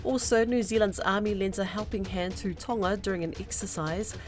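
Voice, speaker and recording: A woman's voice: mid-range voice, fairly even intonation, a little fast, faint music behind. A woman presenting scripted radio news in a studio.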